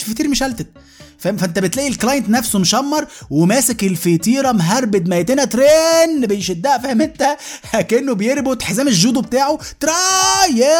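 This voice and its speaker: A man's voice: high-pitched, slightly rough. A man with an Egyptian Arabic accent doing a comic monologue, exasperated and mocking, tripping over his words as he rants. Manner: exasperated, mocking, rapid-fire with frequent restarts. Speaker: podcast host.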